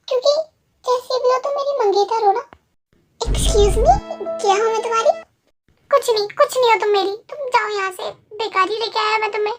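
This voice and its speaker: A woman's voice: very high voice, slight background noise. Woman playing a clingy, whiny young man. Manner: pleading and whiny. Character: clingy emotional young man, teasing fiancé. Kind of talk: Hindi dubbed fan story voice acting. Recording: soft music underneath.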